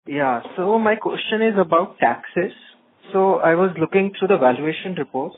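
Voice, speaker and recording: A man calling in over the phone as an individual investor, asking deliberate, inquisitive questions. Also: high-pitched, expressive. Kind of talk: earnings call question. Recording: tinny phone line with faint hiss.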